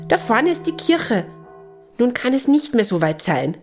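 Woman voicing a jittery male bird, high and eager, storybook. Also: big pitch swings, measured pace, soft background music, heavily acted. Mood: excited. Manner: eager, calling out. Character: nervous excitable male bird.

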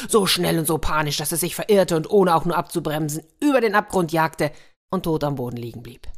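Woman, children's storyteller, dramatic, expressive, low voice. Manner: dramatic, sound-painting delivery.

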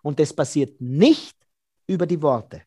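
A man, a body language expert being interviewed, who explains in a lively way and acts out quoted dialogue. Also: fairly high pitch, measured pace, husky, no room sound, studio quality.

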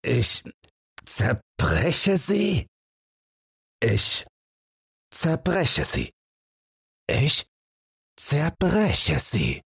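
Guy doing a jumpy irritable man, way higher than his own voice, husky and snappish. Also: big pitch swings, slow pace, pauses often, a little mellow, dry recording, studio quality, exaggerated voice. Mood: agitated. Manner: agitated, jeering outbursts. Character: restless irritable man, brusque and loud.

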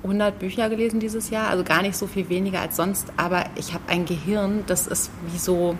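A woman in her thirties co-hosting a literary podcast, talking in a lively, playful way. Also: mid-range voice, brisk. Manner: lively, playful, warm-hearted. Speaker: podcast co-host. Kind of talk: casual literary chat. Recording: faint background hiss.

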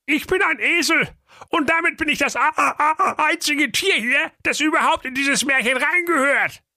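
A man's voice: extremely high pitch, moderate pace, pushed and bright, dry recording, studio quality, pitched above the performer's own voice, full character voice. A man voicing a bossy, impatient male donkey in a comic audio fairy tale. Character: bossy male donkey, laid-off railway crossing keeper.

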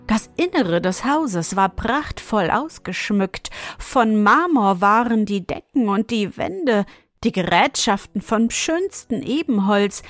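Woman, storyteller, fairy-tale audiobook, measured, expressive, slow, faint background music. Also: mid-range voice, dry recording. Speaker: narrator.

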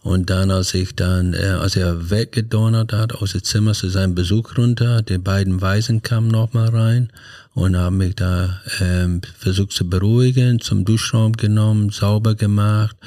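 Low flat-voiced older man. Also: dry recording, studio quality. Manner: halting, many fillers and restarts. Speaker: podcast guest. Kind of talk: personal storytelling.

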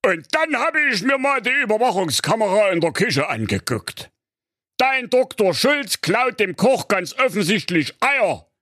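Brief: man playing a whiny, gossiping elderly king, high nasal-strained register, comic storybook. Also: big pitch swings, unhurried, sharp tone, no room sound, clean studio sound, exaggerated voice. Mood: complaining. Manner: complaining, chatty. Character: fussy, gossipy old king.

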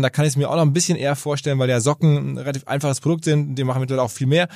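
Fast-talking man, dry sound. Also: medium pitch, darkish tone, no echo. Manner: quick, probing questions. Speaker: interview host. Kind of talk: casual interview conversation.

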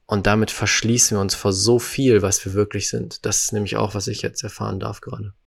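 A man's voice: on the low side, flat delivery, fairly quick, creaky, slightly rough. A man talking earnestly and emphatically in a casual reflective conversation, now and then acting out quoted voices.

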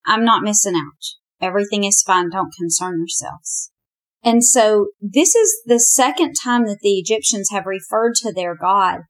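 A woman teaching a Bible lesson in a conversational, animated way. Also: medium pitch. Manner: chatty, animated, often says "you know".

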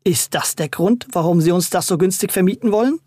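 A narrator voicing a strict mother who speaks in a brisk, scolding tone. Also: medium pitch, a little mellow, breathy edge, no room sound, clean studio sound, close to an everyday voice. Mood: demanding. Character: strict, sharp-tongued mother.

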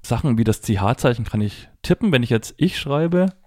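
A middle-aged man presents a conversational tech tutorial for Braille users, demonstrating a device step by step and spelling out letters and dot numbers. His mid-range voice is warm and expressive at normal speed, recorded in studio quality without echo.

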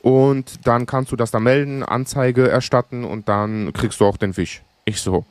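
A man of Greek background, co-hosting a podcast, telling a lively story in casual chat and acting out the other people's lines. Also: medium pitch, unhurried, dry recording. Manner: animated anecdote, acts out dialogue. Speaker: podcast co-host.

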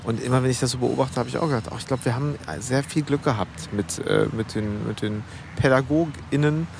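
A man's voice: mid-range voice, brisk, creaky, background noise. A man in his forties from Germany, hosting a casual podcast conversation, talking in a chatty way with hesitant restarts. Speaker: podcast host.

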